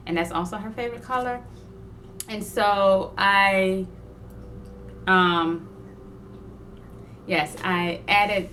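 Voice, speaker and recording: A woman's voice: fairly low pitch, a bit bright. Chatty young woman vlogging about sewing, rambles and laughs, bit of faint hiss behind. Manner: chatty, digressive, laughs often. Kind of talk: casual chat.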